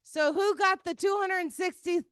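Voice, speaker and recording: A woman's voice: very high voice, fairly even intonation, normal speed, a bit bright, no echo, clean studio sound. A woman hosting a live raffle, announcing ticket numbers like a raffle caller with playful, chatty exclamations. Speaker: meeting host running a raffle.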